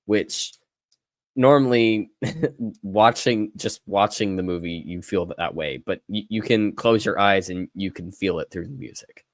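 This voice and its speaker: A man's voice: lowish voice, unhurried, no room sound, studio quality. A man co-hosting a casual podcast, easygoing and enthusiastic as he chats. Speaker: podcast co-host.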